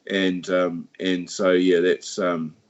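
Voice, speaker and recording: Over dull, lo-fi stream audio, a Kiwi man talks about his party in a low, level voice. His speech is halting and casual, packed with false starts and filler words.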